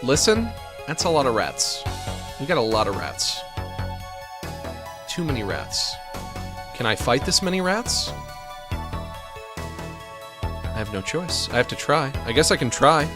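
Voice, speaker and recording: A man's voice: mid-range voice, very animated, slow pace, pauses often, over music. A man hosting a let's play, joking and talking to himself as he goes, easily startled by the game. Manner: jokey, easily startled, talks to himself while playing. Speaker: gaming channel host.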